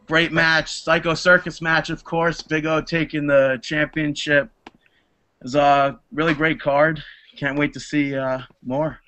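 Male guest, bright tone, hesitant delivery, casual video-call chat. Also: a little high, flat delivery, unhurried, a little hiss or hum. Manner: hesitant, many "uh" fillers.

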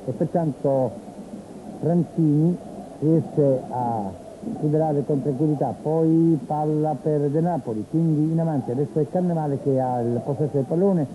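A man from Italy giving live football play-by-play commentary on television, in a measured, descriptive way with pauses. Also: a little high. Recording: tinny phone-like old TV broadcast, noisy stadium. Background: stadium ambience.

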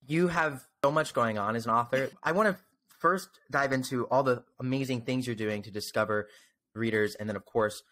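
Here the young podcast host sounds a bit bright, with medium pitch and a moderate pace. Seated close to a desktop mic in a small indoor room at home, he introduces and interviews conversationally, with earnest emphasis.

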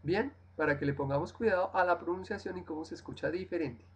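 A woman with a lowish, husky voice teaches English over a live stream, explaining step by step and checking often that her students are keeping up. She models example words slowly and carefully repeats them. The recording is rough.

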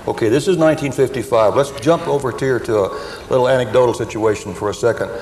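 Middle-aged male interviewer, mid-pitched, leading questions, echoey hall with faint hiss. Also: fast talker, a little mellow. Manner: prompting, steering with leading questions. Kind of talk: onstage interview. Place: stage with armchairs and plants, indoors.

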